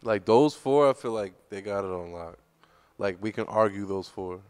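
A man's voice: fairly low pitch, moderate pace, darkish tone, clean tone, no echo. A man with a New York accent co-hosting a podcast in casual chat, hesitant and thinking aloud with frequent restarts. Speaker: podcast co-host.

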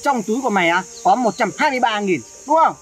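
Lady doing a smug teen boy bully, taunting, rattles it off fast, kids skit dub. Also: mid-range voice, expressive, slightly rough. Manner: taunting, boastful. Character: cocky teenage boy bully, mocking and greedy. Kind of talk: dubbed children's skit.

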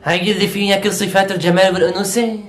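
Man doing a defiant young woman, mocking, loud, fast-talking, high voice, echoey room, faint music. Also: level tone, close to an everyday voice. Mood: rude. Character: brash, rude young woman resisting marriage.

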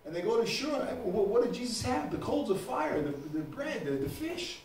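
A man preaches with a very high voice, dropping low and quiet, then climbing into shouts. He is heard from a distance in a church that rings with heavy echo. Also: big pitch swings, normal speed, a little hiss or hum. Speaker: pastor. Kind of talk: sermon. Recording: echoey church room, mic far off.

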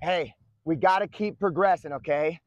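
A man coaching football at an outdoor practice, commanding and encouraging, often shouting, recorded on a wireless body mic. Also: a little high, normal speed, no echo, lo-fi sound.

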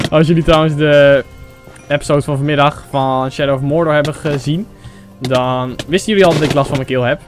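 Young male gaming host from the Netherlands, slightly higher voice, sore throat, excitable running commentary over faint game music. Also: normal speed, pauses often. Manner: excitable, mixes English phrases, talks to viewers as 'jongens'. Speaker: gaming YouTuber. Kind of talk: casual Let's Play commentary.

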